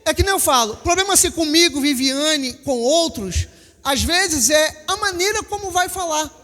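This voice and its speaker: A man with a Brazilian Portuguese accent, a pastor preaching a sermon and telling lively stories to his congregation. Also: very high voice, normal speed. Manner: storytelling, animated, acts out quotes, laughs with congregation. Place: church hall. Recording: long hall reverb.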